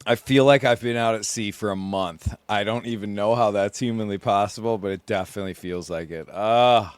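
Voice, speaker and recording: A man's voice: on the low side, a little fast, clean tone, dry recording. A sleep-deprived man hosting a podcast, rambling groggily to himself as he sails. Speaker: podcast host, solo sailor. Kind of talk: casual self-recorded monologue. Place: small sailboat at sea.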